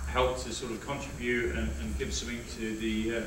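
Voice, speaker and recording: A man's voice: mid-range voice, level tone, fairly quick. A middle-aged man closing an event with formal, grateful remarks. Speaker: event organiser thanking the audience. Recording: distant echoey hall with crowd and hum.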